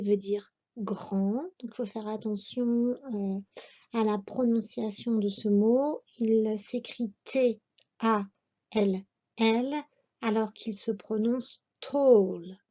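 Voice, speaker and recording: A woman giving a language lesson, pronouncing each word slowly and carefully and asking the listener to repeat. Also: fairly high pitch, warm tone, breathy edge. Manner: slow, careful pronunciation with repetition prompts. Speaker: English teacher. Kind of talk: slow, deliberate language lesson. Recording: dull lo-fi recording.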